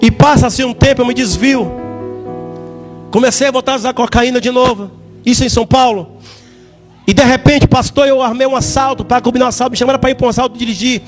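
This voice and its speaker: A man giving a fervent church testimony in a sing-song preaching manner, repeating words and rising to shouts. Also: very high voice, fairly even intonation, fast talker, soft background music.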